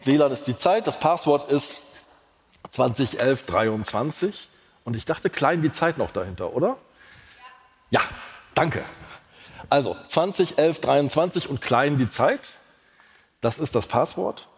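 A man from Lower Saxony co-hosting a live podcast on stage, dry and playful as he runs the show. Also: very animated, measured pace, long pauses. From Lower Saxony, Germany. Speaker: podcast co-host. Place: large concert hall before an audience. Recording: hall reverb with faint noise.

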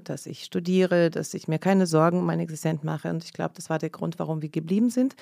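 Her voice is fairly low, gravelly and a little mellow, free of any room sound. She's a journalist in her forties, born in Leningrad, Soviet Union, with Russian as her first language, telling her story earnestly as a guest on a studio podcast.

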